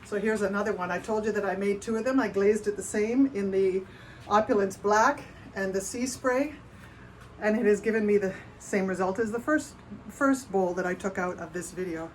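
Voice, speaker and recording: In a low-quality recording with noticeable background noise, a Canadian woman potter hosts a livestream show-and-tell. She speaks at medium pitch and normal speed, in a casual, rambling, chatty way, often leaving sentences unfinished.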